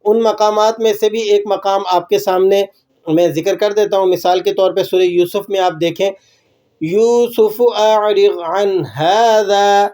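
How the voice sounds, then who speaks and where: A high-pitched man teaches a religious lesson in a patient, explaining way, often asking his listeners if they follow. His tone is mellow and soft-edged, and he slows right down when he chants his recitation examples. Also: little pitch movement. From Pakistan.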